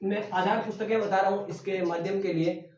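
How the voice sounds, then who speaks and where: A male teacher with a high voice gives an exam-prep lecture and keeps echoing his own questions back to the class. He sounds set back from the mic, and the recording is dull and roomy. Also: steady tone, fairly quick, darkish tone. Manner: repeats key words as questions to the class. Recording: echoey room, voice from a distance, dull sound.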